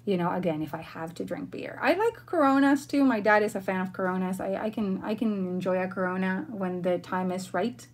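An Argentine woman in her thirties hosts a relaxed livestream from her bedroom at home, chatting warmly and informally with viewers and answering their questions. Her mid-range voice moves briskly, with few pauses.

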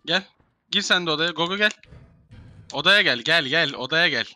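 A man's voice: on the high side, lively intonation, normal speed, sharp tone. A young man in casual game voice chat, bossily herding players into rooms and swearing. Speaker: gamer streamer.

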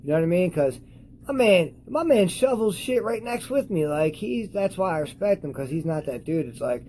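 A high young man rambling profanely and losing his train of thought in a casual vlog. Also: lively intonation, normal speed, mellow, slight background noise, rough recording. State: high on cannabis. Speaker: cannabis vlogger. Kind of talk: casual stoned rambling to camera.

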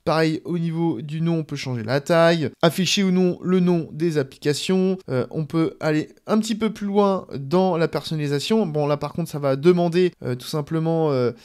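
High-voiced man hesitating through a demo. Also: normal speed, few pauses, a little mellow, smooth. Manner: thinks aloud with many hesitations. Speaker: tech YouTuber. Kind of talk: casual demo voice-over.

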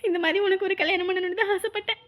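A woman's voice: very high voice, fairly even intonation, racing, a bit bright. A woman playing an emotional village mother. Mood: tender. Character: middle-aged village mother, emotional and devoted. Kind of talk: family drama acting.

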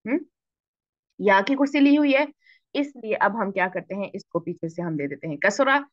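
A woman teaching Quran recitation rules to beginners. She asks questions and answers them herself, mixes in English words, and stretches syllables out slowly when she shows a reading. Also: medium pitch, lively intonation, no echo, muffled recording. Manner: slow, drawn-out syllables when showing a reading. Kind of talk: explaining rules to beginner students.

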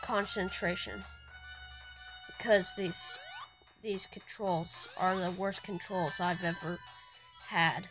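A woman giving casual gaming commentary as a channel host, chatty and excitable and quick to grumble about the game. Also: lowish voice, over music, rough recording.

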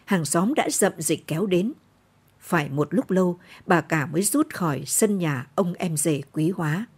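Radio narrator, woman, low and husky, measured novel reading. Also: darkish tone.

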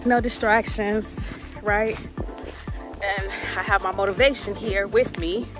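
A woman's voice: medium pitch, fairly even intonation, unhurried, over music. A woman vlogging outdoors on a walk, out of breath, upbeat and encouraging, often asking "right?" and saying "y'all". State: out of breath while walking. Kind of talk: casual motivational vlog. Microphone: phone camera held by a companion.

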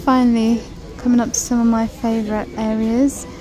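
Phone in hand, this UK shopping vlogger narrates a shop-with-me tour of a large supermarket, enthusing about items and calling out what they cost. She speaks at a normal speed in a fairly high voice with little pitch movement, over background music, and the audio is rough.

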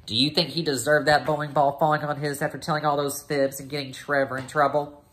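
A man in his thirties from the United States, a first-grade teacher, reads a picture book aloud with casual asides. His fairly high, fairly bright voice moves little in pitch and runs at a quick pace, captured by a phone or laptop at arm's length in a small room at home.

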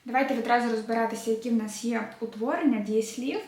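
A young woman teaching a beginners' language lesson, clearly repeating each verb form slowly for drilling. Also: a little high, steady tone, a little mellow, echoey room. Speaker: Spanish teacher.

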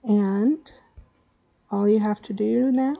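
Slow-talking woman wearing a retainer. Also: mid-range voice, steady tone, creaky, narrow, tinny audio. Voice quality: slightly slurred speech from wearing a dental retainer. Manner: scatterbrained, hesitant. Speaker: tutorial maker. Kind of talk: casual screen-recorded software tutorial.

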